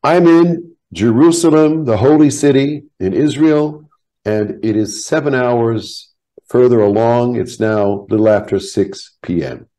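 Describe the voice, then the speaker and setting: A man in his seventies from Canada, a rabbi telling his life story in a measured, reflective way over a video call. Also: mid-range voice, warm tone. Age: 70s. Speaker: guest, rabbi. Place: home office. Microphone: video call webcam.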